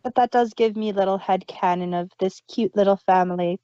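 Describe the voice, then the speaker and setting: A woman co-hosts a casual review podcast, chatting with fan enthusiasm and trailing restarts. Her mid-range voice is steady, brisk, mellow, clear and resonant, with no room sound, in a dull, lo-fi, dry recording.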